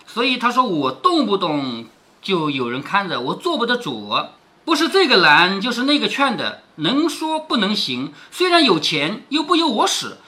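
Male host, high and lively, bright tone, storyteller explaining a classic novel line by line. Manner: explains lines in plain words, asks rhetorical questions. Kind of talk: storytelling with commentary.

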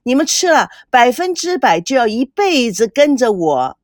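An eager young woman from an audiobook story, as a woman narrator puts her on, pitched high with a lively, bouncing melody. Her words come out chirpy and emphatic. The sound is dry and a little breathy. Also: moderate pace, dry recording. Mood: boastful.

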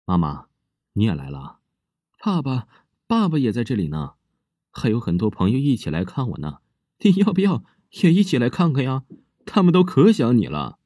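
A man's voice: mid-range voice, wildly swooping pitch, normal speed, warm tone, no room sound, studio quality, voice pushed up. A man voicing an eerie little girl who sees ghosts, talking in a childlike, sing-song, sweetly creepy way.

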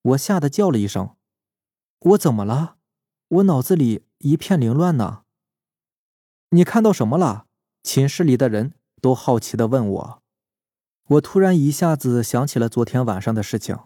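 Man, ghost story narrator, dark mellow voice, measured suspenseful delivery, dry close recording. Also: mid-range voice, no room sound. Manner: calm, measured, suspense-building. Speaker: storytelling podcast host. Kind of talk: first-person horror story narration. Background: faint eerie background music.

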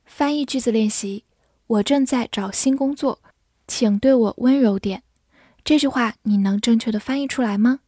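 A woman teaching English vocabulary in a slow, careful way, spelling out words letter by letter and repeating them. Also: a little high, mellow, no room sound, studio quality. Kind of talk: vocabulary lesson.

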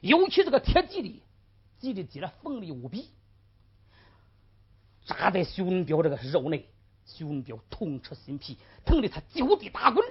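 A woman's voice: on the low side, wildly swooping pitch, moderate pace, long pauses, breathy edge. A woman storyteller narrating vividly and addressing the audience directly, on a lo-fi old recording. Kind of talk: traditional storytelling.

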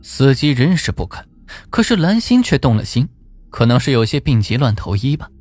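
A man narrating a folk ghost story in an expressive, suspenseful way. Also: mid-range voice, normal speed. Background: faint music.

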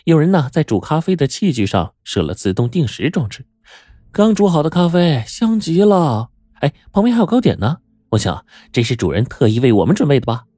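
A male storyteller voicing an excitable, chatty young woman in an exaggerated high falsetto. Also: fairly quick, no echo, clean studio sound. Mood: excited.

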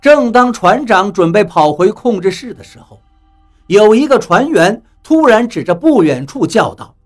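A man narrating a first-person adventure story in a dramatic, expressive storytelling manner. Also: high-pitched, normal speed, soft background music.

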